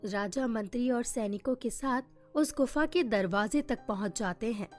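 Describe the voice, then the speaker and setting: A woman narrating a cartoon moral story in a measured storytelling manner. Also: on the high side, darkish tone, faint music behind.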